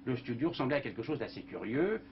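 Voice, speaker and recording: In a casual interview, a male film composer talks in a lively, rambling fashion and mimics sounds with his mouth. His mid-range voice moves fast, captured on a dull old broadcast recording with faint hiss.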